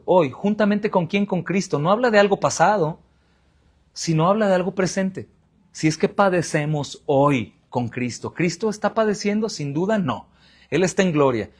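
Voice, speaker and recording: Male pastor, Mexican Spanish accent, high-pitched voice, sermon delivery, asks and answers his own questions. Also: normal speed. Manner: preaching with rhetorical questions and answers; addresses the congregation as brothers.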